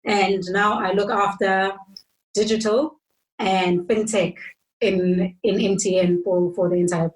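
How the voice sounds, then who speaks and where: A woman from South Africa introduces herself with a composed, professional manner. She speaks slowly and deliberately. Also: medium pitch, fairly even intonation, low-quality recording. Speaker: guest, telecom executive.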